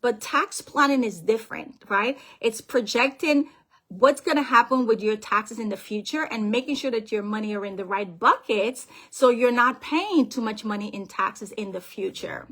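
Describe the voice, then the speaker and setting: At normal speed, a Guyanese woman who writes books and works as a financial planner encourages families about their finances during a call. Her somewhat high voice stays lively, and she keeps asking her listeners how they're following.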